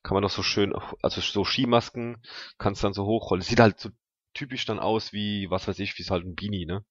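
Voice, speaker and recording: A man playing a tabletop role-playing game chats casually in a blunt, colloquial, rambling manner. His voice is lowish, slightly rough and steady in tone, a little fast, and the recording is slightly dull and dry with no echo.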